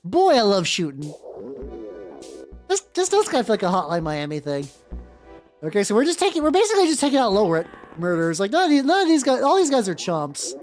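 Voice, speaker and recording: A woman giving excitable, sweary live commentary as she streams a game. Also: medium pitch, a little fast, faint music behind.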